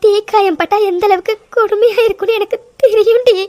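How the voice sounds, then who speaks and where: Woman doing a high, sobbing young cartoon heroine who stammers her pleas. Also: moderate pace, warm tone. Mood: crying, pleading. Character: young woman, tearful and pleading. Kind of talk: cartoon voice acting.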